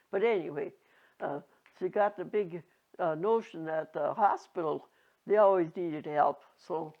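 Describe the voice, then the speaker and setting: A very old woman in her nineties reminiscing casually, halting and rambling, with a creaky aged voice. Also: lowish voice. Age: 90s. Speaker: interviewee. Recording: dull lo-fi home recording.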